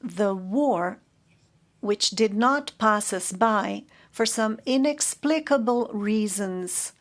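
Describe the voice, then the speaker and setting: A woman with a medium-pitched voice interprets a formal courtroom statement into English, measured and halting, correcting herself as she goes.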